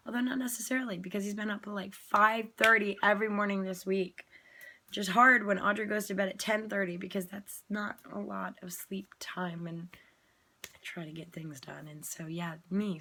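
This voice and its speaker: A woman's voice: medium pitch, pushed and bright. A woman who is sick and coughing, chatting casually to camera about her tiring day and acting out what people said to her. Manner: tired and frank, acting out quoted exchanges. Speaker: parent sharing a video diary. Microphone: phone or webcam recording.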